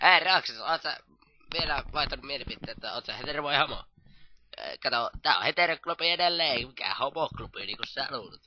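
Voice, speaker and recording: A man's voice: mid-range voice, animated. A rowdy man riffing through crude, improvised comedy banter. He mocks the others and barks insults at them. His voice sits in a middle range on a dull, lo-fi recording. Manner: rowdy, mocking, shouts insults. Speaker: amateur comedy voice actor.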